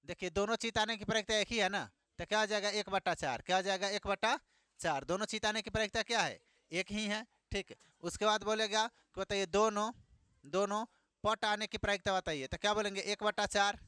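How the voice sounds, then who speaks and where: A man's voice: high-pitched, fairly quick, pushed and bright, clean tone, no room sound, clean studio sound. A man teaching a classroom math lesson, asking questions and repeating each answer back. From Bihar, India.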